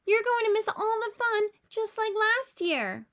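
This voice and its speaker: A scornful little girl from a children's storybook, acted out by a woman reader. She scolds and exclaims like a bossy big sister. The pitch is high and leaps around. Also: big pitch swings, unhurried, fairly bright tone, full character voice. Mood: scolding.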